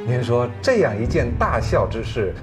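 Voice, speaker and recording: Casting: actor as a falsely polite, menacing official, animated delivery. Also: male voice, medium pitch, normal speed, over music, natural voice. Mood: mocking. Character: suave menacing middle-aged official. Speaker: powerful official. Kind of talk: TV drama acting.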